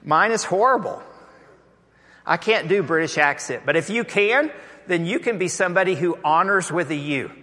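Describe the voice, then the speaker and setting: A Texan-accented man preaches from the pulpit, his voice high-pitched and emphatic. He draws the congregation in with questions and call-and-response lines. The sound carries a long church-hall reverb. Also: animated, normal speed, pushed and bright. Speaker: pastor. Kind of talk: sermon. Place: church sanctuary.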